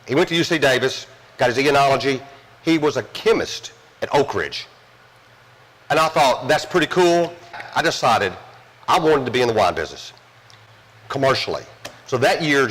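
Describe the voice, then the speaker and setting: A man's voice: mid-range voice, fairly bright tone, big-room sound, rough recording. A man from Tennessee, a winery owner telling folksy, rambling stories in an interview. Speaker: winery owner and grape grower. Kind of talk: storytelling in an interview.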